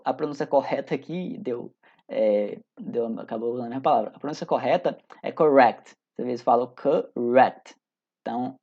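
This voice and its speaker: Warm and medium in pitch, the voice belongs to an English teacher in their thirties with a Brazilian Portuguese accent. They run a recorded class in a relaxed, talkative style, often stalling and starting sentences over, and the recording is dull and lo-fi.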